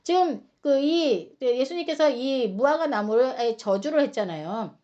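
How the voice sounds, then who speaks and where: A woman teaching a Bible study lesson in an animated, chatty storytelling manner, acting out quotes and speaking to her listeners in asides. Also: sits high, unhurried, dull audio.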